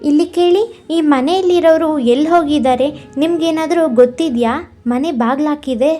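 A woman voicing a young younger sister in a cartoon story, eager and pitched up. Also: normal speed, mellow, faint music behind, lightly acted. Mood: inquisitive. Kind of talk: cartoon voice acting.

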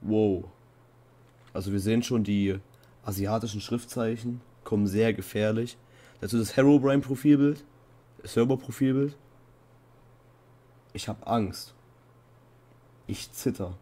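A man's voice: measured pace, pauses often. Young man joking about being scared. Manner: playful mock fear, bursts into high panicked shouts. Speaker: Minecraft let's-play host. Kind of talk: casual gaming commentary.

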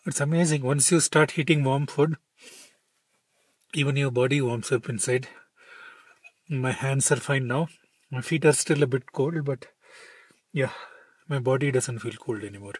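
A man's voice: medium pitch, fairly even intonation, normal speed, pauses often, breathy edge, no echo. A man in his thirties vlogging casually from inside a parked car in the snowy cold, talking to a close camera while cooking. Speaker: travel vlogger. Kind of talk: casual vlog narration.

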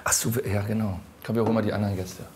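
A man's voice: fairly low pitch, little pitch movement, racing, a loud crowd. A man in his forties hosting a casual chat backstage, chatty and teasing, laughing easily. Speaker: host. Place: backstage dressing room in a studio.

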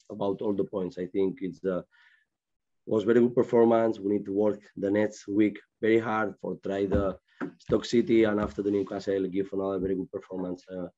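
A man in his forties, a football manager at a post-match press conference, answering in halting, searching English over a video call. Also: on the low side, mellow, dull audio. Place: press room with sponsor board.

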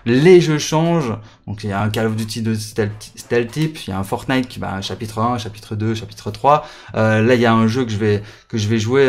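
A man, a gaming YouTuber chatting casually with his viewers in a hesitant way, full of fillers and repeated words. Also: medium pitch.

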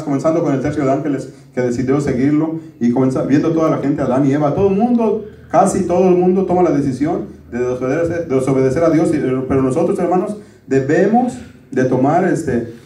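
A man's voice: a little high, dark tone. Man preaching, distant and echoey. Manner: conversational preaching, often addressing "hermanos". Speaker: pastor. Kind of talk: sermon. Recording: roomy, distant church recording.

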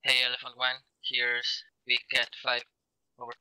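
A man sending a halting radio report in a game, heard over a walkie-talkie. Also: medium pitch, completely flat delivery, sharp tone, smooth, no echo, low-quality recording. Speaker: squad player.

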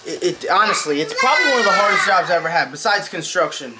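A man's voice: high voice, fast. A man in his thirties chatting casually to a handheld camera at home, rambling and teasing, swearing often. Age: 30s. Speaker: family vlogger. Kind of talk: casual vlog chat. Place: home kitchen and bedroom, indoors. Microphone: handheld camera at arm's length. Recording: noisy home camera audio.

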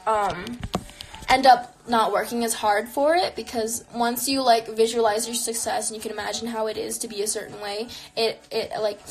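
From a small bedroom lit with neon, a twenty-something woman livestreams indoors, fielding viewer questions in a chatty, reflective manner full of "like" fillers. Her pitch is fairly high, and the recording, made on a phone camera held close to her face, is low quality.

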